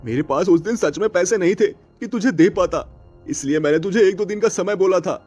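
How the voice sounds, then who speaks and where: A man's voice: high-pitched, brisk, darkish tone, faint music behind. A man voicing an honest, loyal village farmer in a cartoon story, talking in an earnest, pleading way. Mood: hurt.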